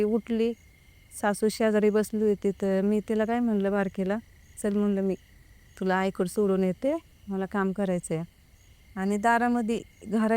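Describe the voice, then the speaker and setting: A woman's voice: mid-range voice, mellow, clear, resonant tone, no echo. A young woman, recounting her own experience in casual speech and quoting the people involved. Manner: retells with many quoted exchanges. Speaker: guest telling her experience. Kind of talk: casual spoken account.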